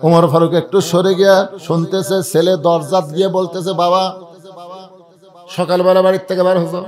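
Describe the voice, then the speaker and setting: A man from Bangladesh with a Bogra dialect, preaching a waz sermon and telling a story, dramatically swinging from hushed to shouted lines and acting out the dialogue. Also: high-pitched, level tone, brisk. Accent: northern Bangladeshi (Bogra) dialect.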